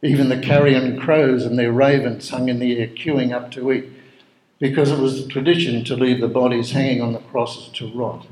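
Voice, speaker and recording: A man's voice: mid-range voice, darkish tone. Solemn male storyteller in an echoey room. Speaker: narrator. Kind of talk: dramatic scripted story narration. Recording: roomy echo.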